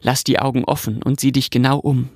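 Calm old woman storyteller, patient and measured, gravelly low voice, read by a man. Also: no echo, studio quality.

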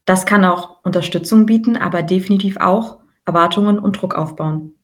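Young woman in her 20s cohosting a podcast, lowish voice, chatty and thoughtful. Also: moderate pace. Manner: reflective, explains ideas at length. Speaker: podcast co-host. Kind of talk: casual podcast conversation.

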